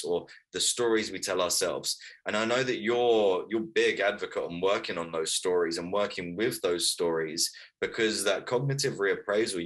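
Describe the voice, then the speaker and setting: Bright-voiced thirty-year-old man. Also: deep voice, rough recording. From Wales, raised in London. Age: 30s. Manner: earnest, reflective storytelling. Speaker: author guest. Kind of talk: casual interview chat.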